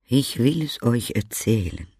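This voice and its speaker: A man reading an audiobook and voicing a small, kind, wise old sorceress, calm and motherly. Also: medium pitch, measured pace, husky, no echo, clean studio sound, full character voice. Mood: kindly.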